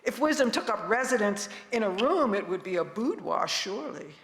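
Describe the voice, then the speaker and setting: A woman in her seventies gives a poetic reflection to a congregation, speaking in a calm, gentle, wise way with deliberate pauses. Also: mid-range voice. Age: 70s. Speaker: retired minister, guest speaker. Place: large reverberant indoor room, speaking to a congregation. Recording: echoey hall with long reverb.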